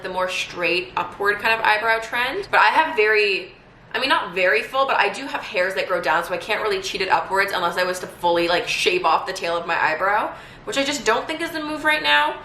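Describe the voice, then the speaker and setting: Her medium-pitched voice is bright and forceful as this twenty-something beauty vlogger chats casually through a makeup tutorial. She's upbeat and full of fillers, filming in a home room during quarantine, where the sound is echoey and slightly noisy.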